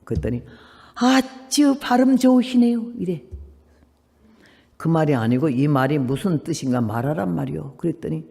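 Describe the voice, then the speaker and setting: Gravelly-voiced woman in her eighties preaching. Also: low voice, moderate pace, long pauses. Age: 80s. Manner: animated storytelling, acts out dialogue, emphatic rhetorical questions. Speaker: missionary preacher. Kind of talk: sermon. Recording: long hall reverb.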